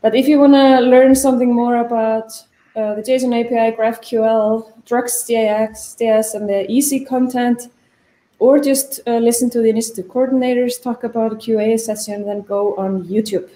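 A woman's voice: fairly high pitch, steady tone, normal speed, warm tone, echoey room. A woman presenting an initiative during a conference keynote over a video call, talking casually with fillers and self-corrections.

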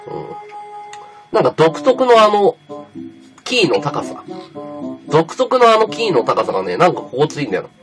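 A man streaming live, chatting casually in a rough, offhand way and answering viewers' comments aloud. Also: on the high side, very animated, moderate pace, long pauses, music in the background. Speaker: livestreamer. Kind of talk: casual livestream chat reading viewer comments.

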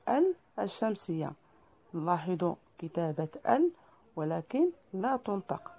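A woman teacher with a Moroccan accent, explaining a lesson to pupils slowly and deliberately, spelling out each example. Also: fairly low pitch, darkish tone.

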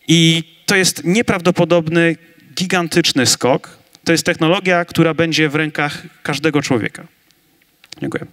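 A man speaking on a large conference stage with a handheld mic, arguing his side in a staged debate with emphatic, energetic delivery. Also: fairly high pitch. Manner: energetic, emphatic, building to big claims. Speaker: conference debater on augmented reality.

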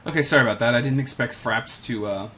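A man's voice: mid-range voice, quick pace, noisy background. A man giving casual commentary while playing a video game, muttering to himself and coaxing in-game animals. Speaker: gameplay commentator. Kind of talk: casual let's-play commentary.

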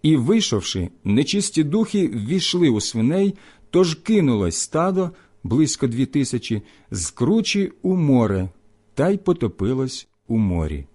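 Man reading scripture in a mellow voice. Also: medium pitch. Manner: measured, expressive reading. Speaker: Bible reader.

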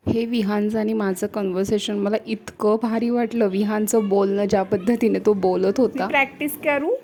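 A woman's voice: mid-range voice, moderate pace, warm tone. A young woman chatting casually in a family vlog, teasing and laughing often. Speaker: vlogger, mother.

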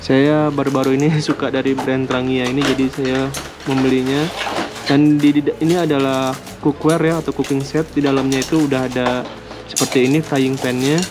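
Relaxed man reviewing camping gear, flat delivery. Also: medium pitch, moderate pace. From Indonesia. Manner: relaxed, hesitant, with fillers and small laughs. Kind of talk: casual unboxing review. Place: indoors at a wooden table. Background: music.

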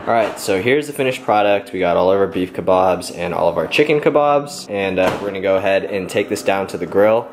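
A man's voice: low-pitched, fairly quick, few pauses, music in the background. A young man in his twenties giving a casual step-by-step cooking how-to in a home kitchen, explaining in an easygoing way. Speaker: fitness vlogger.

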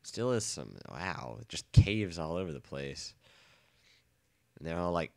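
A man with a very deep, gravelly voice talks through his gameplay in a loose, rambling way, cracking jokes and swearing as he goes. A cold leaves him sounding nasal, and the recording is dry and close with no room around him. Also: sing-song, unhurried, darkish tone, no echo. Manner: rambling, jokey, swears freely. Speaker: let's play host. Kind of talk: casual gameplay commentary.

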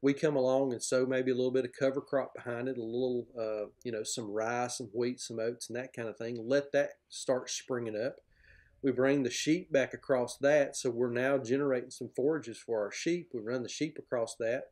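A man's voice: medium pitch, fairly even intonation, normal speed, darkish tone. A middle-aged man, a pig farmer, explaining his farm work with plain-spoken enthusiasm in a podcast interview over a video call from a room at home. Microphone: video call, webcam framing.

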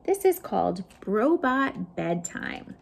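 Here a youth librarian, a middle-aged woman, reads picture books to children at storytime, full of expression and peppered with questions and asides for her small audience. She speaks in a gravelly mid-range voice, sing-song and slow-paced.

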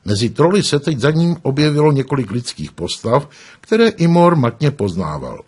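A man reading an audiobook aloud with expressive storytelling. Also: mid-range voice, husky. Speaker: audiobook narrator. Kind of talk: audiobook narration.

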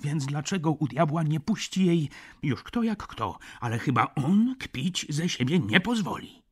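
An actor reading a fretful older male shop clerk in an audiobook, often in a hushed half-whisper. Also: fairly high pitch, expressive, a little slow, slightly rough, voice pushed up. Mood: exasperated.

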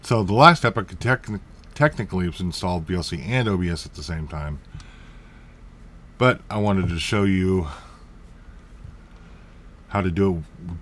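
A man hosting a casual computer tutorial, rambling and correcting himself with jokey asides. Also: low-pitched. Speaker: tech tutorial host. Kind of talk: casual screen-recorded tutorial.

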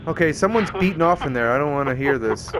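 A man's voice: on the high side, lively intonation, fast talker, noisy background. A man giving casual game commentary as a streamer, crude and sarcastic, swearing freely. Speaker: gaming streamer. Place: indoors, game audio and music behind the voice.

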